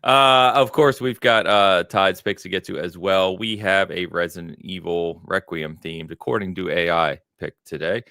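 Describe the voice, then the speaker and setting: An American man hosting a gaming podcast, relaxed and chuckling as he thanks viewers. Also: deep voice, moderate pace, hardly any pauses, no echo, clean studio sound. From United States. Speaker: podcast host. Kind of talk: casual podcast chat.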